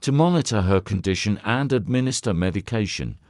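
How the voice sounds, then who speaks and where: A man's voice: on the low side, expressive, fairly quick, darkish tone, no echo, studio quality. A man voicing a frightened young woman nurse who answers hesitantly. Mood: nervous.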